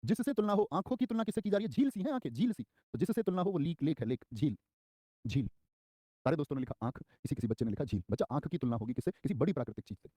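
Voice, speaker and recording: A man's voice: on the high side, lively intonation, quick pace, dark tone, dry recording, studio quality. A young man teaching Hindi grammar in a live online exam-prep class, quizzing his students and repeating key terms with lots of energy. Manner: acts out short quoted lines in a raised voice.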